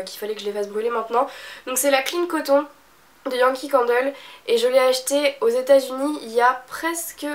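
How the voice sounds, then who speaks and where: A young woman from France, a beauty vlogger with a stuffy nose, chatting casually with many fillers and restarts. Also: sits high. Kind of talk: casual chat.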